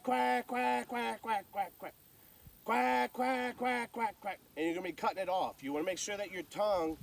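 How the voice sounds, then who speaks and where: Higher-voiced man, distant noisy recording. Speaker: duck hunter giving calling tips. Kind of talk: casual instructional talk.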